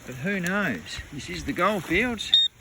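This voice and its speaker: A man's voice: sits high, sing-song, slow, heavy background noise. An Australian man talking casually as he metal detects outdoors, laid-back and salty, with Aussie slang and the odd mild swear. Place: outdoors on the goldfields, rural bush. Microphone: camera mic outdoors, wind at times.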